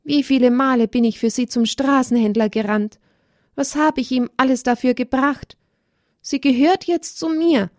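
A woman voicing an eager little village girl in a children's story, high and pleading. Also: lively intonation, unhurried, no echo, clean studio sound. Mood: wistful.

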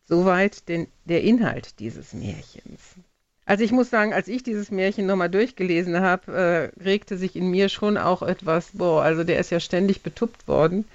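Radio guest, animated storyteller, mid pitch, dry studio sound with slightly muffled highs. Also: no echo. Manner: lively storytelling, with brief laughs and quick asides. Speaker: guest on a radio talk show. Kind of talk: retelling a fairy tale and reflecting on it.

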